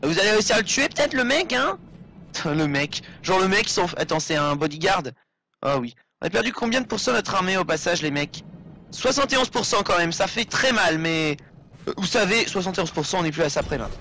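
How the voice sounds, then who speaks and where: A man's voice: sits high, animated, quick pace, pushed and bright, a little hiss or hum. A young man giving casual, rambling gameplay commentary, joking and swearing as he plays. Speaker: let's play commentator.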